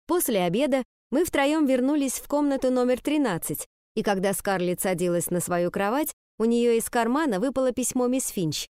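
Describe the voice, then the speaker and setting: A woman narrating a story in the first person with a lively storytelling manner. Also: on the high side, normal speed, hardly any pauses, smooth, no echo, clean studio sound. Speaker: audiobook narrator. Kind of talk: audiobook reading.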